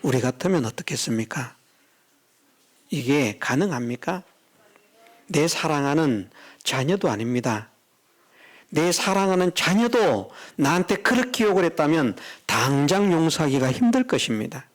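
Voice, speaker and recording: An animated male pastor delivering a sermon, his pitch sitting a little high and swinging widely. He acts out quoted voices as he preaches. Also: measured pace.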